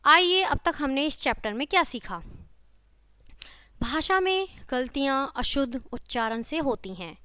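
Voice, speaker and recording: A woman teacher giving a grammar lesson to young children, repeating each example sentence slowly in a sing-song way. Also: high voice, lively intonation, no echo. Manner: addresses children warmly as "बच्चों".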